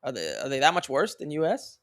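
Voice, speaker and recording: Higher-pitched man hosting a casual call-in show. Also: wildly swooping pitch, fairly bright tone, dry recording, studio quality. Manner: halting, informal, with repeated false starts. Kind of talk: casual unscripted chat with callers.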